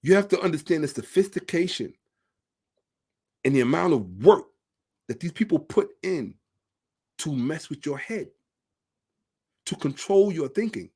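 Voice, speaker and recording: A man's voice: a little high, very animated, unhurried, pauses often, dark tone, breathy edge. A man hosting a social commentary monologue, emphatic and repetitive, asking rhetorical questions. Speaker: host.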